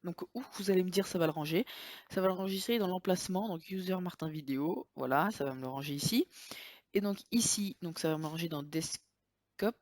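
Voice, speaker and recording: A woman's voice: on the low side, fairly quick, a little mellow, no room sound. A woman talking through a screen-recording tutorial in a casual, chatty way, often hesitating and correcting herself. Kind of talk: casual software tutorial walkthrough.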